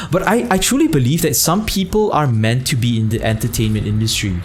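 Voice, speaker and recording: A man's voice: mid-range voice, brisk, a little hiss or hum. A young man from Malaysia chatting casually on a game livestream, rambling between topics and thanking viewers by name. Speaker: streamer.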